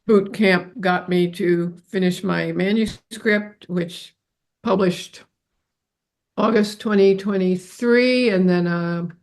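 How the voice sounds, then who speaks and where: Slow, halting speaker on a video call. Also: mid-range voice. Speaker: group member, author. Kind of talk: casual video call chat.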